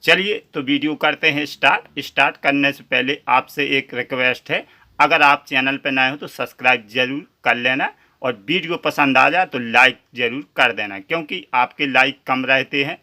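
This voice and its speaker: A man's voice: medium pitch, moderate pace, sharp tone. A man hosting a step-by-step repair tutorial in speech, chatty and addressing viewers as friends.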